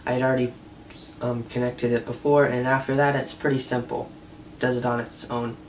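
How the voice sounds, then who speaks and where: A product reviewer gives a casual, unscripted demo, sounding hesitant and conversational. His mid-range voice stays level and moves a little fast, and the recording has a distant mic, a slight hiss or hum, and faint music at times.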